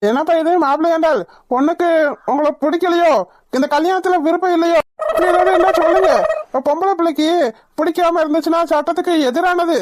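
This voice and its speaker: A woman's voice: very high-pitched, fairly even intonation, fast, darkish tone. A woman voicing a timid, talkative male wedding priest in a cartoon, whiny and flustered. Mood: coaxing. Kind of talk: cartoon voice acting.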